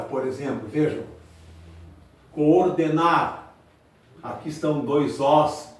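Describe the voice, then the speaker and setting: A man teaching a grammar lesson at a board, speaking slowly and repeating each example word. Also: medium pitch, distant mic. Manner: slow, drawn-out, repeats example words. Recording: very echoey room, voice from afar.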